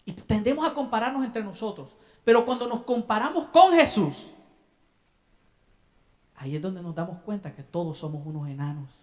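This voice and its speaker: A young man from El Salvador preaching a sermon as a pastor in a church, talking to the congregation with questions and acted-out asides. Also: high voice. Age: young adult. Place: church sanctuary.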